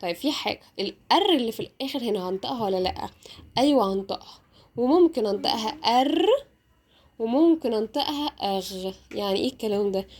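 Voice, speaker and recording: A woman with an Egyptian Arabic accent teaching beginners French, saying words slowly and repeating them, then explaining in quick asides. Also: on the high side, animated. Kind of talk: beginner language lesson with slow drilled repetition.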